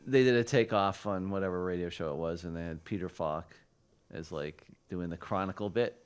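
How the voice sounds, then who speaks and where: A man's voice: low-pitched, a little fast, clear, resonant tone. A man hosting a casual interview, playfully tossing out jokey questions. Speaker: podcast host.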